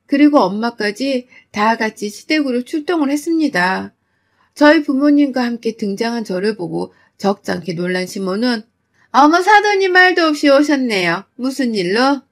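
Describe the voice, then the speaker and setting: A woman narrating a first-person story of her marriage in a plaintive, confessional manner. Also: on the high side.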